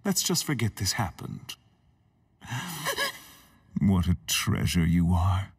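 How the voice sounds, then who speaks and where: A man voicing a flamboyant, refined and sinister gentleman gourmand in an anime dub, florid, courtly and smug. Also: deep voice, sing-song, takes it slowly, breathy edge, far from the mic, exaggerated voice. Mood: silky gloating. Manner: florid, courtly, silky, theatrical. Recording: loud music behind.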